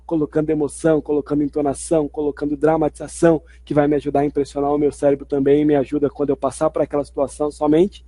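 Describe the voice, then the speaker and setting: Warm, fairly high-voiced male teacher. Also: dry recording. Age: adult. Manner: explanatory, restates each point twice. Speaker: language teacher. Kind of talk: instructional video lesson.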